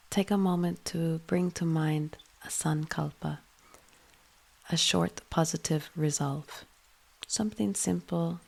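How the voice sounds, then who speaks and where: With a deep, gravelly voice, a woman guides a yoga nidra meditation in a soothing, hushed way. Her phrases often trail off into breath.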